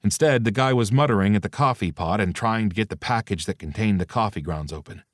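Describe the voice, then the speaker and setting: Brief: deep male audiobook narrator, steady, dry booth. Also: fairly quick, no room sound. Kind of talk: scripted narration.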